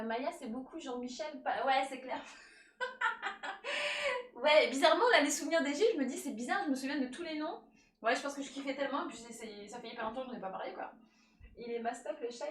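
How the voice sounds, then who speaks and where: A woman cooks on a live stream, chatting freely in a high voice and laughing between lines. Her voice sits back from the mic, with room echo around it. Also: fairly bright tone, distant mic. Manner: chatty, laughs often, thanks viewers, talks to her cat. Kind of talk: casual live-stream chat while cooking. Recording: echoey room, voice a bit off-mic.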